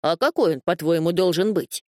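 A woman doing a fussy, grumbling beaver in a children's story. He scolds with lively swings of pitch. The sound is close and dry. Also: normal speed, no room sound, close to an everyday voice. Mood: gruff. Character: gruff, fussy male beaver.

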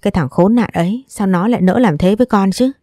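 A woman voicing a distraught mother, hoarse from crying, who pleads in anguish. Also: medium pitch, fast, dark tone, dry recording, studio quality, close to an everyday voice. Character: distraught mother, tearful and frantic.

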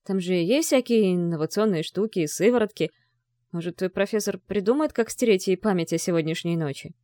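A woman's voice: medium pitch, a little fast, dark tone, no room sound, natural voice. Woman doing a scared guilty young guy, stammering, desperate, audiobook, dry sound. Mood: pleading. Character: panicked, guilty young man, the son.

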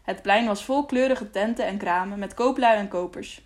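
Brief: female storybook narrator, even and clear. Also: medium pitch, moderate pace. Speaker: audiobook narrator. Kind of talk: audiobook narration.

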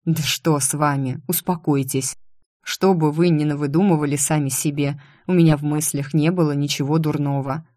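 A woman voicing a courteous aristocratic male rector who speaks in a measured, lazily haughty way. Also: deep voice, steady tone, warm tone, no room sound, clean studio sound, natural voice. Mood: calm.

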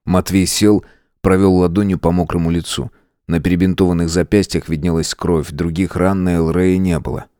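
A man reading a novel aloud as an audiobook narrator, with an expressive delivery. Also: low-pitched, moderate pace, no room sound, studio quality. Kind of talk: scripted narration.

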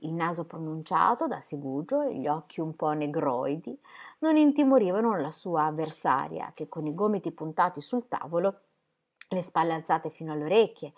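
Calm woman reading a novel aloud. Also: on the low side. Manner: calm, even storytelling. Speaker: audiobook reader. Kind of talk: scripted narration.

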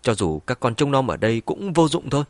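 A man's voice: mid-range voice, big pitch swings, brisk, dry recording, lightly acted. A man voicing a ruthless, two-faced middle-aged woman in an audiobook, switching between cold menace and false wailing. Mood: insistent. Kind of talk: audiobook character voice.

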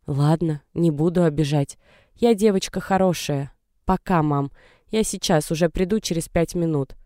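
A man's voice: normal speed, dark tone, dry recording, studio quality, natural voice. A man voicing a touchy pregnant teen girl. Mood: flat. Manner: defensive, pleading, rises to shrill. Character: nervy pregnant teenage girl.

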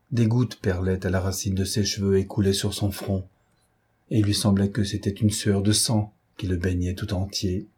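Deep husky male audiobook narrator. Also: mellow.

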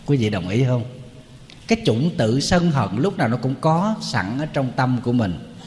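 A man's voice: mid-range voice, big pitch swings, moderate pace, a little mellow, in a large hall. A man, a Buddhist monk giving a humorous, storytelling sermon.

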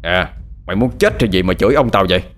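A man's voice: low voice, lively intonation, fast talker, soft background music. A man voicing a rude young henchman who sneers and threatens. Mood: sneering.

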